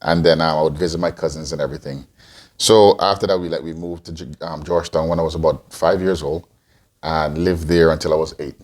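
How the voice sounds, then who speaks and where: A man's voice: extremely low pitch, steady tone, brisk, a little mellow. A man in his forties, from Guyana and raised in Antigua, answering interview questions as a podcast co-host, rambling with many restarts. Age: 40s.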